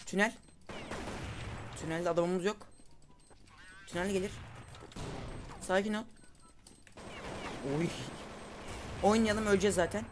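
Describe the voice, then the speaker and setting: A young man giving casual, excitable commentary over his own gameplay, calling out moves to his viewers. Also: high voice, measured pace, long pauses. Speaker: gaming YouTuber. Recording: faint game noise and gunfire behind.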